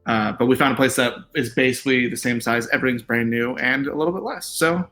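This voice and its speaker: A man with a bright, forceful voice chats about his work in a loose, easygoing way. He rambles, leaning on "like" and "um" as he goes. Faint music sits quietly behind him. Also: medium pitch, quick pace. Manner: relaxed, rambling, many fillers and "like"s. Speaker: TV writer guest. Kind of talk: casual interview chat.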